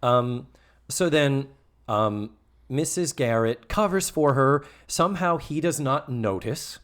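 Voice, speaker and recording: Animated man recapping a sitcom. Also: mid-range voice, slow pace. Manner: chatty, acts out quoted sitcom lines. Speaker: podcast host. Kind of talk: casual podcast recap.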